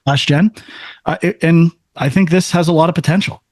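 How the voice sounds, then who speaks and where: A man runs through the list on a casual games podcast, his voice sitting a little high. He talks in a halting, chatty way. The sound is dry and close, with no room around it. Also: darkish tone, no echo. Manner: leads the rundown, halting and chatty. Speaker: podcast co-host. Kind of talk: casual chat.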